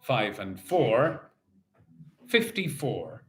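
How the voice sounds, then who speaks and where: A man working as a bingo caller, calling out numbers in set phrases and repeating each in a measured, sing-song way. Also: medium pitch, sing-song, a bit bright, soft background music.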